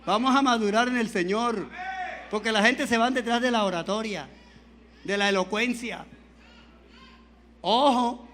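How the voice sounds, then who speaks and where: A male Pentecostal preacher giving a fervent sermon, swinging between quiet pleading and shouting, calling on the congregation for amens. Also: high-pitched, a little slow, pauses often.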